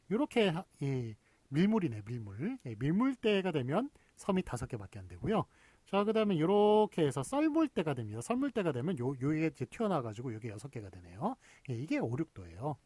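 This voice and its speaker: A man's voice: mid-range voice, darkish tone, slightly rough, no room sound. A man lecturing in a recorded university class, explaining step by step with frequent fillers.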